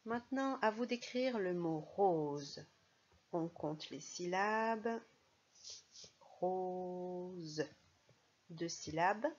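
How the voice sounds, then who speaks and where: A woman's voice: mid-range voice, expressive, slow, lo-fi sound. A woman teaching a primary school phonics lesson, speaking patiently and stressing each sound and syllable.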